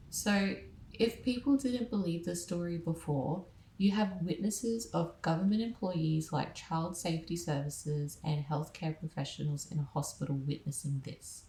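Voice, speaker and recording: Podcast lady telling a spooky true story, dramatic w/ chatty asides, warm low voice, echoey room. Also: a little hiss or hum. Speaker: podcast host. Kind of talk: scripted true-crime narration. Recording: roomy echo.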